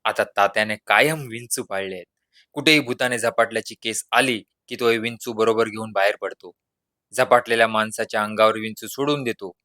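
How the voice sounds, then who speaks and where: Low-voiced man reading a story. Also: steady tone, brisk, pushed and bright, dry recording, studio quality. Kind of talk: scripted humorous story narration.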